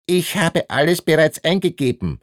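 A woman's voice: deep voice, sing-song, normal speed, no echo, clean studio sound, voice pushed up. A man voicing a relentless, bigoted female ticket inspector who rattles off questions in a clipped, accusatory way. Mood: officious.

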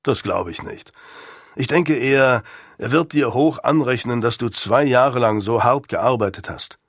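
A man voicing a grave older male statesman who is stern yet kindly, speaking in a measured, solemn and reproving manner. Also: mid-range voice, no room sound, clean studio sound. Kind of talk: audiobook character voice.

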